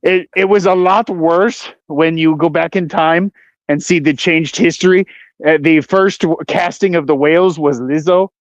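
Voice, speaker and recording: A man with a high voice trades deadpan jokes in casual stream chat. His mic sounds muffled and lo-fi, and the sound is dry, with no room around it. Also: moderate pace, no room sound. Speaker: stream co-host.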